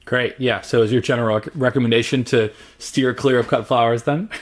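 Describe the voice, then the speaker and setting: A man's voice: mid-range voice, fairly even intonation, fairly quick, slight background noise. A man hosting a podcast interview, asking casual questions, rephrasing them and repeating short affirmations. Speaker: podcast host.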